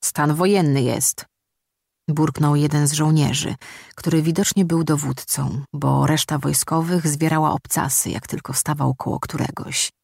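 An audiobook narrator reading a story in a steady, measured way. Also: mid-range voice, gravelly, breathy edge, no echo, clean studio sound. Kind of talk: scripted narration.

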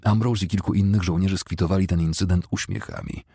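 A man narrating a novel as an audiobook, in a steady, measured storytelling manner. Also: sits low, husky, no room sound, clean studio sound.

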